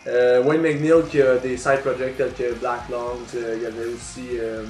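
A Quebec man co-hosting a podcast talks casually about music, hesitant and full of fillers. His voice has a middle pitch and a roomy echo. Faint music sits underneath. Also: flat delivery, moderate pace, a little mellow. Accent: Quebec French. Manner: hesitant, many fillers and restarts. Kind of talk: casual chat.

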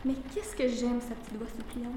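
A woman's voice: on the high side, level tone, normal speed, dark tone, a little hiss or hum, natural voice. A woman playing a menacing, mocking bully at a girls' boarding school in an audio drama. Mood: taunting. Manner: taunting, threatening, mocking. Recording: very echoey, distant mic.

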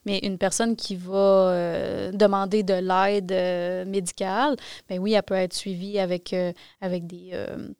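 A woman's voice: mid-range voice, level tone, measured pace, a little mellow, clean tone, no echo, studio quality. A woman with a Quebec French accent explaining things in a casual podcast discussion, thinking aloud with many restarts.

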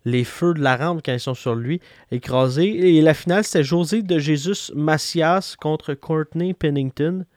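A Québécois man hosts a casual podcast in a slightly high voice, chatty and full of little hesitations. The sound is close and dry, with no room around it. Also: normal speed, few pauses, darkish tone, dry recording. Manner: chatty, hesitant with many fillers. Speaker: podcast host. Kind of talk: casual boxing podcast chat.

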